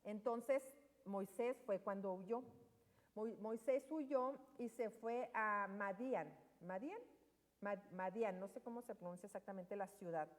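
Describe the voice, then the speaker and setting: A woman's voice: medium pitch, a little slow. A woman leading a Bible study, retelling a story and putting questions to her listeners. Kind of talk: conversational Bible teaching. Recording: long reverb hall.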